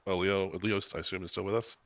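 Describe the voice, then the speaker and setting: A man's voice: sits low, fairly even intonation, quick pace, a bit bright, no room sound. A man chatting casually as a player in a tabletop game, on a dull lo-fi microphone.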